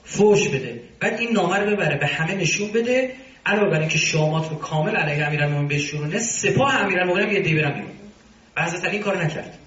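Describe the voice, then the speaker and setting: A male religious commentator lectures in a pointed, argumentative way and slips in scornful asides. His voice sits fairly high and sounds bright and forceful. He is picked up from a distance in a roomy, echoing space, and the sound is dull and muffled.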